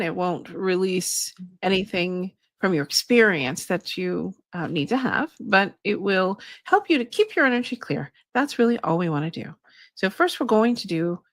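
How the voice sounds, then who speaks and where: A woman channeling a gentle female spirit guide, speaking slowly and soothingly as she leads an energy clearing. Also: medium pitch, no room sound, studio quality. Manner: slow, soothing, measured delivery.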